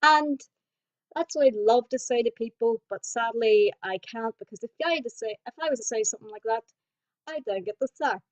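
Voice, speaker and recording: A woman's voice: on the high side, fairly quick, a little mellow. A young woman, ranting bluntly and swearing a lot in a casual vlog. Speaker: vlogger. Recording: dull lo-fi home video audio.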